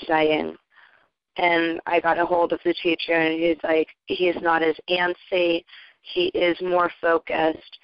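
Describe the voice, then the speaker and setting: A middle-aged woman with a smooth, lowish voice gives a conversational testimonial as a parent, quoting dialogue as she tells her story. It comes from a recorded conference call, with dull audio and no echo.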